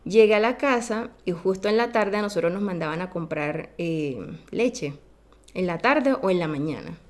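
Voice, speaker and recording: A woman guest on a podcast, telling a childhood story in a casual, animated way and acting out the voices of the people in it. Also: fairly low pitch, normal speed.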